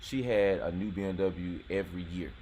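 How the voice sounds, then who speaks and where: The channel host, a North Carolina man in his forties, chats on a live stream outside near a golf course in an easygoing, meandering way, peppered with "you know what I'm saying." His deep voice is warm and steady, at an ordinary pace, with a slight hiss or hum.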